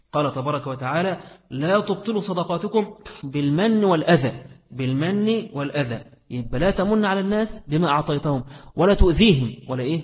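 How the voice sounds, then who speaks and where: A man with an Egyptian accent giving a religious lesson, asking his listeners questions and answering them himself. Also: a little high. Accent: Egyptian Arabic. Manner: acts out quoted voices in dialect. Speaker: preacher. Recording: long hall reverb.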